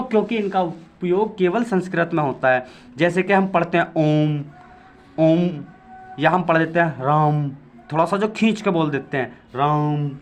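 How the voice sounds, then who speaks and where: A man giving a Hindi grammar lesson for exam prep, explaining patiently, repeating points, drawing out sounds and asking quiz-like questions. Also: a little high. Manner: talks to viewers directly with quiz-like questions.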